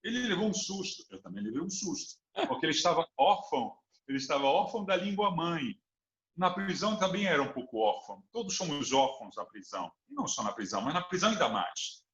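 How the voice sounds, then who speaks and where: A man's voice: on the high side, big pitch swings, quick pace, fairly bright tone. A man from Brazil with a Brazilian Portuguese accent, speaking as an interview guest in an earnest, thoughtful way and building his points with examples. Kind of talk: reflective interview talk. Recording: roomy, dull lo-fi sound.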